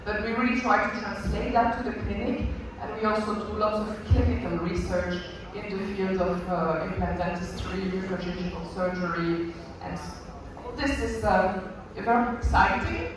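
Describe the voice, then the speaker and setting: Belgian French man, high voice, halting conference lecture, distant mic in a noisy echoing hall. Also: steady tone. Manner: hesitant, many fillers and restarts. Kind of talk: conference talk. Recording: echoey hall from far off, noisy.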